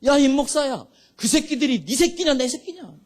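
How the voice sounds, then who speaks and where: The voice of God, loud and commanding, booming over the congregation, as a preacher puts it on. It climbs high and swings widely in pitch. A fatherly, thundering tone. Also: expressive, normal speed. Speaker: pastor. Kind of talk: sermon.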